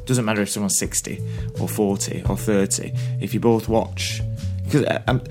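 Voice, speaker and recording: A man's voice: fairly low pitch, fairly even intonation, normal speed, music in the background. A man, chatting casually as a podcast co-host and thinking aloud as he talks. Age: 20s. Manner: rambling, thinking aloud with restarts. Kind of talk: casual chat.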